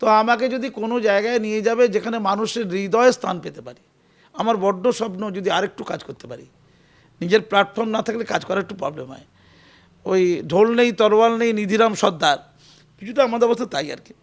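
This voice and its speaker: A man giving an animated, emphatic political interview, often repeating his phrases. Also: high-pitched, fast. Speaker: interview guest.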